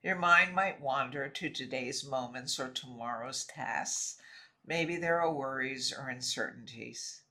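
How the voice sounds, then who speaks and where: Slow-paced male sleep story narrator. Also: mid-range voice, creaky, sharp tone. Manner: soothing, measured, lulling delivery with short phrases and pauses. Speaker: guided sleep relaxation narrator. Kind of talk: scripted sleep story narration, guided relaxation.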